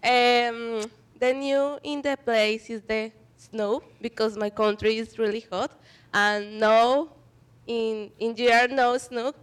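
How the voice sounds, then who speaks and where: A young woman speaks slowly in simple, halting sentences while getting over a cold. Her voice is slightly high and clear. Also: fairly even intonation. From Colombia. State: has a cold. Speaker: exchange student.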